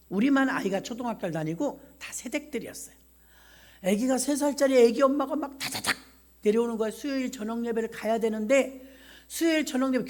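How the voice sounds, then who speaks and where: A middle-aged woman pastor preaching a sermon, telling a personal story in an animated way and acting out the voices of the people in it. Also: a little high.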